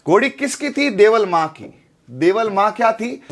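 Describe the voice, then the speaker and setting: High-voiced chatty teacher. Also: male voice, animated, unhurried. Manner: chatty, repeats tag questions like "theek hai". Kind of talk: live exam-prep lesson.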